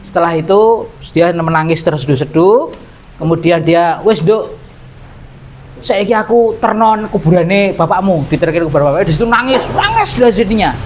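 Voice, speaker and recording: Animated Javanese preacher telling a story. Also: male voice, on the high side, a little hiss or hum. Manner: animated storyteller, mixes Javanese into his talk. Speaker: Islamic preacher. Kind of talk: storytelling sermon.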